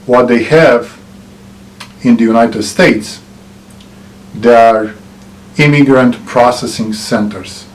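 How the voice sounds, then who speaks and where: A middle-aged man from Romania with a Romanian accent, giving earnest political commentary to camera and pausing often with "uh" and "um". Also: mid-range voice, poor audio. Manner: earnest, with frequent "uh" and "um" pauses. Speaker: channel host.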